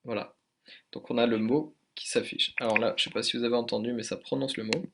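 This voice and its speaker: A man's voice: medium pitch, fairly even intonation, fast, creaky, background noise. Hesitant French man explaining a tutorial. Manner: hesitant, many fillers and self-corrections. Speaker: language tutor. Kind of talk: casual screen-recorded tutorial.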